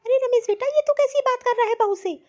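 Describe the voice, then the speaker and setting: A woman voicing a gentle, caring older mother-in-law in a cartoon story, talking softly and fondly. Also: extremely high pitch, quick pace. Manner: soft, fond, soothing. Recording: dull lo-fi audio.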